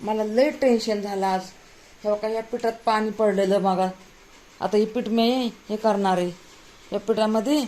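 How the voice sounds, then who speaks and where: A woman's voice: medium pitch, fairly even intonation, a little slow, dark tone. A middle-aged woman, complaining aloud as she cooks in her home kitchen and talks to viewers. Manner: exasperated, complaining, talks while cooking. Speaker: home vlogger. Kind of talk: casual kitchen vlog talk to viewers.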